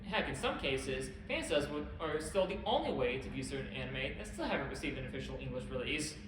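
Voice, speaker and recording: A man hosting a convention panel, presenting a history talk in a brisk, wry way with occasional self-corrections. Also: medium pitch, expressive. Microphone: camera at a distance. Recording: echoey hall, distant camera, background hum.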